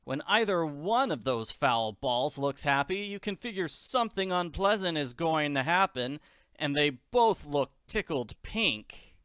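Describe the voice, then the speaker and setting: Spunky orphan girl, read by a man; chatty and slangy, higher voice, clear. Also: animated, measured pace, a bit bright, no room sound, clean studio sound. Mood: plucky worried.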